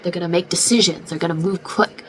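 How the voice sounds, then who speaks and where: Quick and fairly even in intonation, this woman's lowish voice sounds congested and close to giving out. She's a vlogger in her twenties chatting and venting casually, packing her speech with "like," with noise in the background.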